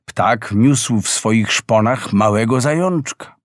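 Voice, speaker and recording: A man narrating a fairy tale in an expressive, unhurried reading. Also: mid-range voice, no echo, studio quality. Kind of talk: storybook narration.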